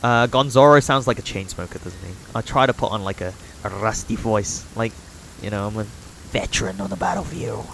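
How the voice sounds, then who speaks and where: A man's voice: lowish voice, lively intonation, a little fast, creaky, fairly bright tone, slight background noise. A man streaming a live playthrough, talking to viewers with chatty, joking asides. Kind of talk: live gameplay commentary.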